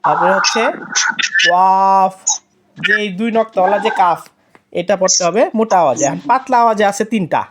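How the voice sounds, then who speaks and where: A woman's voice: medium pitch, animated, quick pace, slight background noise. A woman teaching an online Quran lesson, patiently repeating each letter sound to demonstrate it.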